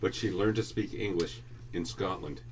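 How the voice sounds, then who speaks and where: A man co-hosting a podcast, chatting casually and telling wry, expressive stories. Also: low-pitched, moderate pace, a loud crowd. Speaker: podcast co-host. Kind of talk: casual chat.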